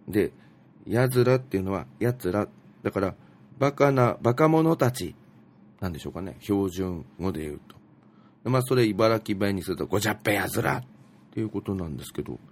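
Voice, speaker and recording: Relaxed low-voiced man musing aloud. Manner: relaxed, musing, many fillers and asides. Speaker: radio host reading out tweets. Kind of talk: casual talk show reading.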